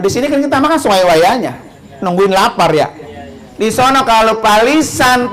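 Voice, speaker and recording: A man giving an informal religious talk, animated, asking his listeners questions and answering them himself. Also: high voice, low-quality recording. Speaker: religious speaker.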